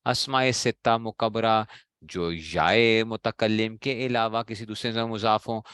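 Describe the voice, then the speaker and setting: A man's voice: lowish voice, steady tone, measured pace, fairly bright tone, clear, resonant tone, no echo, clean studio sound. A man teaching Arabic grammar to a class, drilling his students with repeated questions and answers in a Pakistani Urdu accent. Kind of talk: classroom lecture.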